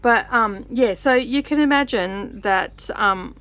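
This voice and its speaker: Slow and fairly bright, a woman's high-leaning voice carries a chatty craft vlog. As the vlogger stitches, she chats casually, full of fillers and restarts, stopping now and then to count.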